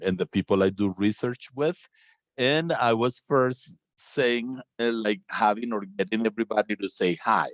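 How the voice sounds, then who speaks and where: Low-voiced man hosting a talk. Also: no echo. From Colombia. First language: Spanish. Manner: friendly, filler-heavy, asks questions. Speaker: host of a language conversation session. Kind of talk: moderating a video-call discussion.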